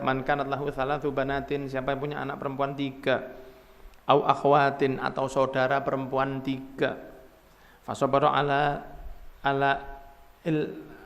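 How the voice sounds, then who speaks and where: A man with a Javanese accent preaching a sermon in an animated way, his voice climbing sharply when he is stirred and dropping low again. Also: long reverb tail.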